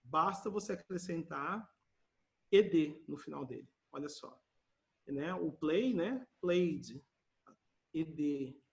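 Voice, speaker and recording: A man's voice: fairly high pitch, lively intonation, slow, vocal fry, long pauses. A man with a Brazilian Portuguese accent teaching English on a video call, patiently repeating words for his students to echo. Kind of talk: online class teaching.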